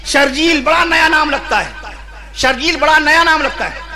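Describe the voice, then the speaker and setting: Man, very high voice, fiery preacher, shouted repetitive lists, careful pronunciation corrections. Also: lively intonation, normal speed. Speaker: Islamic preacher. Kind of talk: impassioned sermon at a religious gathering.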